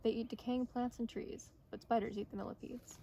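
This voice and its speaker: Outdoors on a forest trail, a young woman working as an intern reads a children's nature storybook aloud. Her fairly high voice is warm and brisk with fairly even intonation. A camera or phone a short distance away picks her up along with clear outdoor ambient noise.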